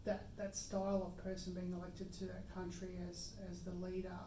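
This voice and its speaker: A woman's voice: on the low side, completely flat delivery, moderate pace, background noise. Upbeat Australian woman host, echoey room. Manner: upbeat, hesitant, many fillers. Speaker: podcast host. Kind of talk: casual conversation. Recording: echoey room, mic at a distance.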